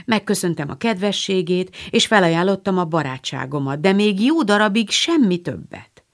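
A woman reading the part of a gentle older teenage sister, speaking hesitantly and apologetically. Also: mid-range voice, animated, lightly acted. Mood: ashamed.

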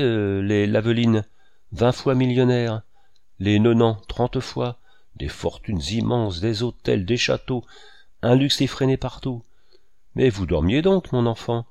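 A man reading a novel aloud, putting on a fussy, chattering old lady who repeats herself and piles up rushed phrases. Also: mid-range voice, lively intonation, vocal fry, darkish tone. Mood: fussy gushing.

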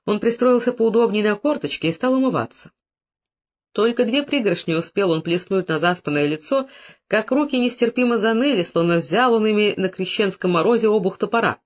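A man narrating a novel in a measured, descriptive audiobook reading. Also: high voice, expressive, dull audio. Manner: measured, descriptive, plays every character.

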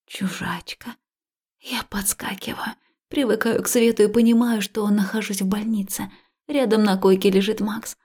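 A woman narrating a first-person audiobook in an intimate, emotional style, often slipping into a breathy whisper. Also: medium pitch, little pitch movement, normal speed, a little mellow.

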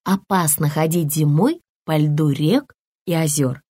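A woman narrating a children's audiobook in an expressive storytelling voice, recorded on a close microphone. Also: measured pace. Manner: expressive storytelling with lively pitch.

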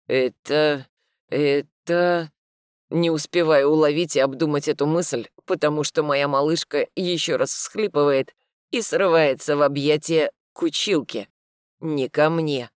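A man narrating a first-person audiobook in a brooding manner, slowing down for bitter inner thoughts. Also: fairly high pitch, clean tone, no room sound, clean studio sound.

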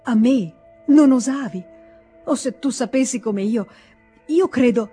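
A woman reading an audiobook, voicing a careworn, kindly mother who speaks in a higher, questioning way. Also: expressive, moderate pace, dark tone, slightly rough, soft background music. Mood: surprised. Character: careworn mother, kind, somewhat reserved. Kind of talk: audiobook character voice.

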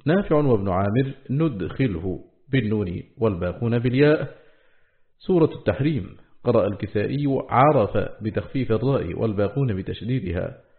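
A man reading a classical scholarly text aloud in a measured recitation, slowing down to spell out each quoted word. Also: mid-range voice, phone-quality sound. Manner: slows to spell out quoted words.

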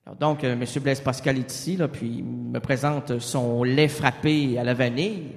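A man's voice: medium pitch, fairly even intonation, normal speed, gravelly, dry recording, clean studio sound, faint music behind. A man with a Québécois French accent hosting a show with a rambling comic monologue; he stammers and keeps interrupting himself, and he is short on sleep. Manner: absurd, stammering, self-interrupting. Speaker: radio show host.

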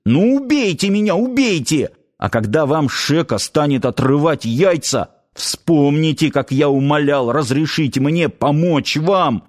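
A man voicing a blunt, stubborn young Saami man in an audiobook, his lines raised in pitch and often shouted. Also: a little slow, close to an everyday voice. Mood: furious shouting. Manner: pleading then shouting angrily. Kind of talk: audiobook character voice.

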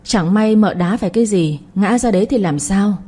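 A woman's voice: medium pitch, normal speed, mellow, breathy edge, natural voice. A woman voicing a young maidservant who calls out anxiously. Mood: puzzled. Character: young maidservant girl, alarmed and dutiful.

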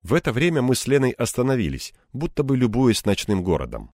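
A man's voice: mid-range voice, very animated, fast, darkish tone, dry recording, clean studio sound. A man reading a first-person audiobook narration with wry, ironic asides.

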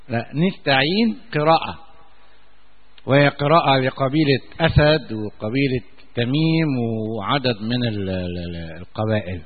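Egyptian sheikh teaching in a tinny echoing hall. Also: male voice, medium pitch. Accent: Egyptian Arabic. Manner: chanting verses slowly, then explaining in colloquial asides. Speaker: sheikh teaching Quran commentary. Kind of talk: religious lesson. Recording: tinny phone-like sound with long hall reverb.

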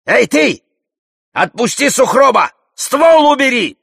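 Guy doing a shrill hunchback warlord, yelling high and needling, audiobook, dry close sound. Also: big pitch swings, slow, creaky, breathy edge, dry recording, exaggerated voice. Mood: shouting. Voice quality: shrill, shouting. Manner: needling, taunting. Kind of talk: audiobook character voice.

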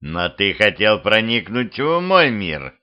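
A man's voice: on the low side, sing-song, slow. A man voicing a weary, kindly old man who hunts monsters, speaking in a raised, exasperated, pleading way in a homemade audiobook. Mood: defiant. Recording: slightly dull lo-fi home recording.

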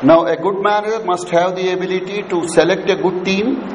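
A man's voice: high voice, steady tone, a little fast. A man with an Indian accent giving an interactive lecture to students, prodding listeners with questions and repeating his points. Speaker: lecturer leading a management session. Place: large hall with an audience of students. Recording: echoey hall, clearly noisy background.

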